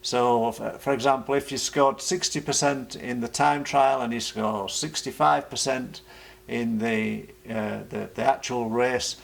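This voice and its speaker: A British man giving an informal vlog explanation as a running coach, speaking haltingly and often repeating words. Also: medium pitch, steady tone, vocal fry.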